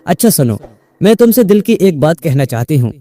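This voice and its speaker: Male narrator doing a playful storybook witch, teasing, mellow low voice. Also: big pitch swings.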